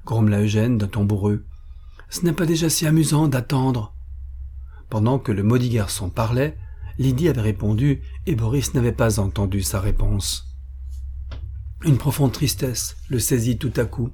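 A man narrating an audiobook of a classic novel, measured and expressive. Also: lowish voice, slightly rough.

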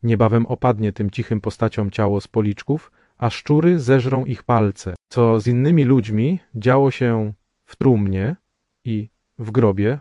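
A man reading a novel aloud in a measured, solemn narration. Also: mid-range voice, warm tone, dry recording. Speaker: audiobook narrator. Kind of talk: scripted narration.

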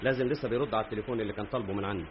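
Actor as a brusque Egyptian workshop boss, barks orders at speed, muffled old tape with light hiss. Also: male voice, fairly low pitch, rapid-fire, lightly acted. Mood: commanding. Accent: Egyptian Arabic. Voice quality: commanding, brusque. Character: elder brother, workshop owner, bossy. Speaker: workshop owner. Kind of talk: Egyptian radio drama acting. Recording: dull lo-fi radio recording with faint noise.

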